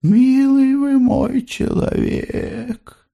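A man voicing an anxious, tender older working-class mother who pleads in a high, tearful, drawn-out voice. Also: expressive, a bit bright, exaggerated voice.

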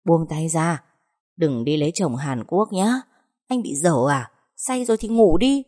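Exasperated young woman, sharp scolding, low warm tone, read by a narrator. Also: expressive, unhurried.

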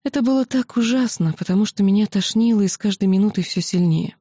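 A woman narrating a fantasy novel in the first person, with a steady, expressive reading. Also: medium pitch, fast talker, no room sound, clean studio sound. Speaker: audiobook narrator.

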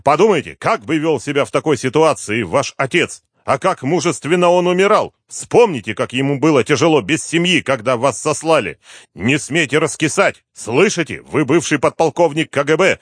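A male audiobook reader voicing a calm, commanding middle-aged detective who speaks firmly and in a controlled way. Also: on the low side, no room sound, studio quality, voice pushed up. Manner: firm and controlled, rising to stern lecturing.

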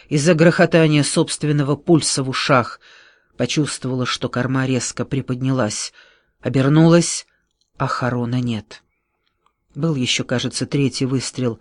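A man narrating an audiobook in a steady, measured storytelling manner on a close studio mic. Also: mid-range voice, no echo.

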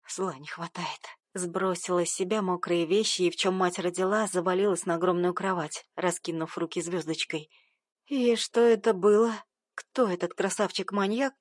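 A young woman reading a first-person story aloud in a lively, sarcastic, conversational way. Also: medium pitch, no echo, studio quality. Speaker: audiobook narrator.

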